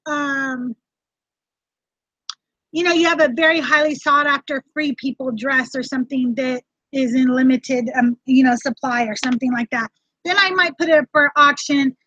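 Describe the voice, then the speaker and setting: A woman's voice: high voice, pushed and bright, no echo. A woman hosting a casual livestream tutorial, chatting straight to her viewers as she explains things. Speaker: reseller vlog host. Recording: dull lo-fi dry sound.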